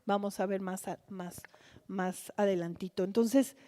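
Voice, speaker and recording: A woman's voice: medium pitch, fairly even intonation, warm tone. A woman preaching a sermon, putting rhetorical questions to her congregation. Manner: asks the congregation rhetorical questions, slow and deliberate. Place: church hall. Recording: long reverb of a church hall.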